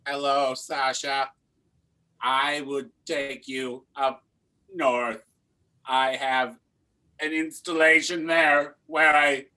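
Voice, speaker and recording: A man playing a robot Santa in an improv dating game, speaking in a stiff, robotic, metallic way with halting, clipped phrases. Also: on the high side, bright, forceful tone, heavily acted, rough recording. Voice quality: robotic, metallic-sounding delivery.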